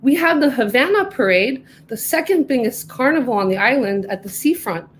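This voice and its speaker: A woman's voice: fairly high pitch, expressive, fairly quick, slight background noise, lightly acted, low-quality recording. A woman voicing a shy twelve-year-old boy in a storybook reading, stammering a little.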